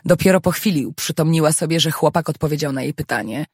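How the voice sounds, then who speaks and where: An audiobook narrator reading a novel in a steady, measured way. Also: mid-range voice, slightly rough, dry recording, studio quality.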